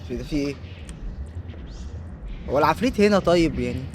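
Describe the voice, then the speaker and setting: A man's voice: fairly high pitch, expressive, fairly quick, noisy background. A man with an Egyptian Arabic accent commenting on a horror game as he plays, joking and talking back at the characters on screen. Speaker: let's play gamer.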